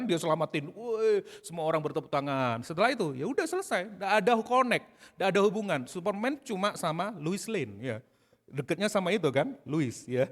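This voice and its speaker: A man preaching a sermon, telling the story lively and speaking straight to the congregation. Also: a little high. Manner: storytelling, animated, addresses congregation directly. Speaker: pastor. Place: church hall. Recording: long reverb in a hall.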